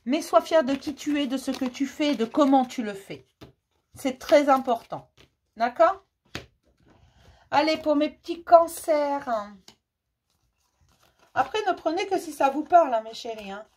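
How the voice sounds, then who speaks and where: In a high, animated voice that's a little mellow, this woman reads tarot cards for each star sign at an unhurried pace with frequent pauses. Her tone is affectionate, full of laughter, and she addresses viewers as her darlings.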